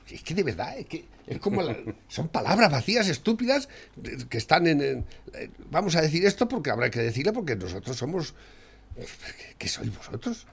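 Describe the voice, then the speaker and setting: A man from Spain ranting furiously about politics, swearing and shouting insults. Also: on the high side, vocal fry, husky. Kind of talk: profane political rant.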